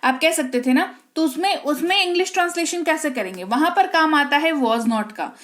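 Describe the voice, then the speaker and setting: A woman teaching English grammar in Hindi. She explains each rule, reads the English example sentences slowly and clearly, and keeps checking in with her students. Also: sits high, expressive, fairly bright tone. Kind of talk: Hindi-medium grammar lesson.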